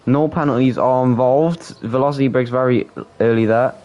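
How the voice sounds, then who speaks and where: A man with a Geordie accent doing casual sim racing commentary, excitable and quick to restart his sentences. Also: medium pitch, lo-fi sound. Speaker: race commentator.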